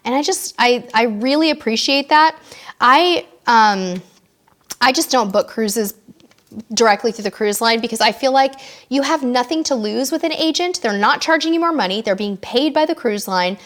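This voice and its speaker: Bubbly high-voiced woman hosting live chat. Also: fairly bright tone. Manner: bubbly and chatty, quick asides. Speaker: host of a live cruise Q&A. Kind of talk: casual live-stream chat reading viewer comments.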